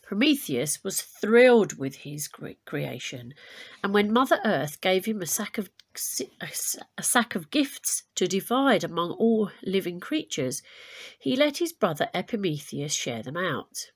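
This woman teacher has a slightly rough, lowish voice as she reads a storybook aloud to pupils, expressive and deliberate, working explanations in as she goes.

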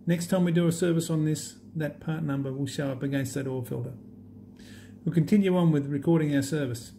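This app demonstrator speaks in a low, rough voice while showing off a tablet app from his desk, with nothing scripted. His delivery is easygoing yet stop-start, packed with fillers and pauses, over a soft background hiss.

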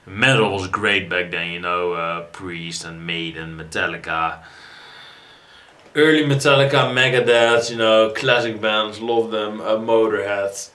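A man's voice: fairly low pitch, measured pace, sharp tone. A tired man hosting a music reaction video, rambling casually with frequent restarts and swearing. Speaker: music reaction channel host.

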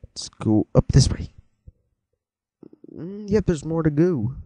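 Speaking slowly but with lots of animation, this teenage gameplay commentator has a fairly high voice with a dark tone. His let's-play chatter is casual and rambling, full of jumpy moments and jokes aimed at viewers, recorded without echo.

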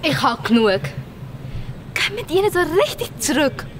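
Amateur film: woman as an indignant Swiss German schoolgirl, high and lively, noisy location sound. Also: moderate pace. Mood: fed up. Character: schoolgirl fed up with a bullying gang, bent on revenge. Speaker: actor in an amateur short film.

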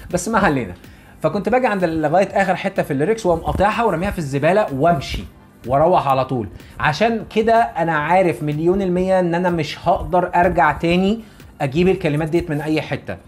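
An Egyptian man in his thirties talks straight to his audience at a brisk clip. He is an English teacher who repeats his key points for emphasis. Quiet music plays underneath his voice. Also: fairly high pitch. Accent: Egyptian Arabic. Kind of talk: casual motivational talk to camera.

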